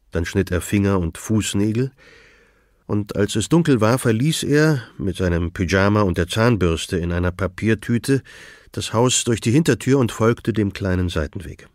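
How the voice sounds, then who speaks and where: A man narrating an audiobook in a measured, even reading style. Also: sits low, dry recording, studio quality. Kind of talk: scripted narration.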